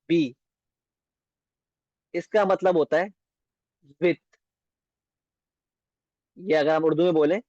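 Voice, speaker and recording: A man teaching beginner Arabic in a patient lesson, repeating words slowly and often asking if it is clear. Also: a little high, darkish tone, no room sound, lo-fi sound.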